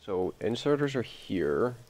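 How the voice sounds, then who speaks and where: A gameplay video host with a deep, gravelly voice sounds groggy from an early morning session, rambling through casual commentary and talking to the machines he builds. He's unhurried and a little mellow, with big pitch swings.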